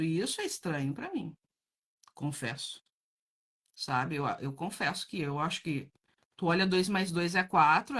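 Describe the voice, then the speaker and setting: Blunt, animated woman chatting frankly. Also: mid-range voice. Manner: blunt, frank, laughs often, addresses viewers as gente. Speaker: host reading viewer comments. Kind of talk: casual live chat.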